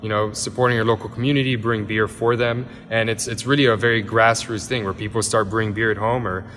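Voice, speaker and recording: A man in his thirties, raised in Miami, explains his brewery at a brisk clip. His speech is loose and full of fillers and restarts. A long reverb from the large tasting room trails each phrase. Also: fairly low pitch, fairly even intonation, a bit bright. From Miami, Florida. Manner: rapid, with frequent fillers and restarts. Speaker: head brewer. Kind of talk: conversational interview answers.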